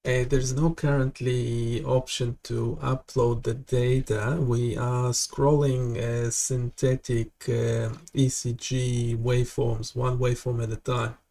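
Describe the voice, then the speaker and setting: A man chats casually while hosting a live web development stream. His talk stops and starts, full of fillers and self-corrections. His voice is mellow and relaxed, in a middle pitch. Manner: halting, with many fillers and restarts.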